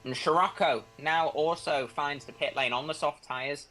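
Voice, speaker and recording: A young man from the north of England calls a sim racing league in a Northern accent, his voice sitting a little high. He jokes between moments and jumps loud when cars touch. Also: fairly even intonation, normal speed. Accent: Northern English. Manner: jokey, bursts up loud on contact. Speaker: race commentator.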